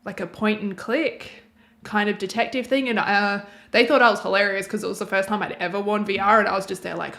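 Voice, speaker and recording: A woman's voice: medium pitch, steady tone, brisk, creaky, fairly bright tone. Aussie woman hosting a reaction video, rambling, thinks aloud. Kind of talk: casual commentary on a game trailer.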